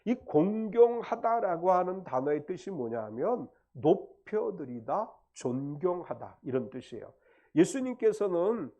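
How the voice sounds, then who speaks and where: A male pastor preaching in a church, his somewhat high, mellow voice swinging widely in pitch as he stresses and then drops his lines. The recording is dull and lo-fi. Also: vocal fry. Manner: explaining word meanings, rising and falling emphasis. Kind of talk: sermon. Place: church sanctuary.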